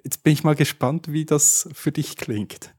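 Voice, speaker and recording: A man's voice: on the high side, a little slow, a little mellow, breathy edge. A man with a Swiss German accent hosting a podcast interview, asking questions casually and sometimes searching for words. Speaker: podcast host.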